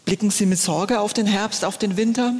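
A man interviewing a guest, asking measured questions. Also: sits high. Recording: long reverb.

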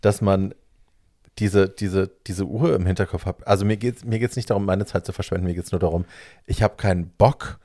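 A middle-aged man with a deep, dark voice talks frankly in a casual podcast conversation. He is blunt and emphatic and slips English phrases into his sentences. The recording is dry and close. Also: steady tone, moderate pace, dry recording. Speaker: podcast panelist; drag queen.

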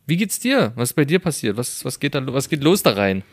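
A man's voice: mid-range voice, very animated, fast talker, no room sound. Laughing, rambling German man, dry sound. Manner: laughs often, rambling with restarts. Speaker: podcast co-host. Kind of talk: casual chat.

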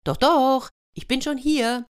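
High pitched, cheeky, tiny young hedgehog boy, storybook, woman voicing. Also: fairly even intonation, takes it slowly, clear, resonant tone. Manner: cheeky, self-assured.

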